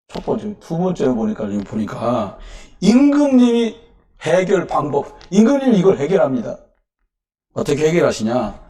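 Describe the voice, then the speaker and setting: Male pastor, mid-sermon, high-pitched and expressive, with punchy rhetorical questions and bursts of volume; mic sits well away from him. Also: distant mic. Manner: animated preaching with rhetorical questions and sudden loud emphasis. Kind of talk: sermon at a Wednesday church service. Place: church sanctuary.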